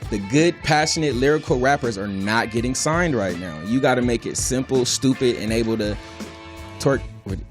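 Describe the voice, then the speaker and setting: A male co-host of a hip hop talk show, loud and opinionated in casual banter. His voice sits at an ordinary pitch for a man, with faint music underneath. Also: normal speed.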